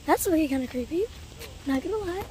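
Young woman vlogger, high and animated, unhurried delivery, outdoor phone audio with clear background noise. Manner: giggly, easygoing, says "like" a lot. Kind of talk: casual outdoor vlog chat. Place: outdoor park trail by a river. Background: outdoor ambience.

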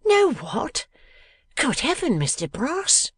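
A woman's voice: fairly high pitch, wildly swooping pitch, unhurried, breathy edge, no room sound, pitched above the performer's own voice, heavily acted. A woman voicing an honest, startled young man in an audiobook, earnest and pleading. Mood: alarmed. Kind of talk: audiobook character voice.

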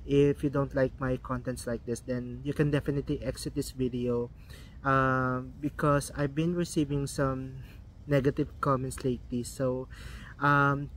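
A young Filipino man from the Philippines, whose first language is Filipino and who speaks with a Filipino accent, talks casually in a vlog full of ums and restarts. His voice is medium-pitched, and the rough recording carries a little hiss or hum.

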